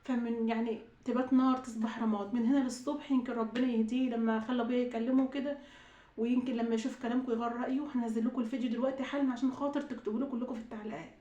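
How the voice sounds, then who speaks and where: A woman with an Egyptian accent talks to her followers at a breakneck pace. She is upset and choked up, and her voice sits a little high. The sound is dull and echoes around the room. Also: flat delivery, warm tone. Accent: Egyptian Arabic. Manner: rapid, pleading, repeats herself. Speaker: YouTube vlogger. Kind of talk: emotional storytime vlog.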